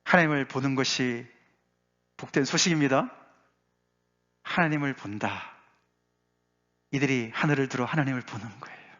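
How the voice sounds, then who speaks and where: A male pastor preaching a sermon with emphatic swings, rising to exclaim and dropping low. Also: moderate pace, pauses often, fairly bright tone. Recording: dull lo-fi sound.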